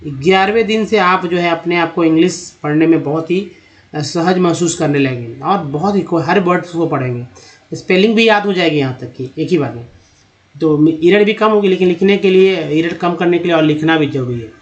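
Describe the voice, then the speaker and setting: A man teaching English reading and phonics, slowly sounding out words and vowels and repeating them for viewers. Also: a little high, lo-fi sound. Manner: slow, drawn-out spelling and sounding of words. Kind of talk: Hindi-language phonics lesson.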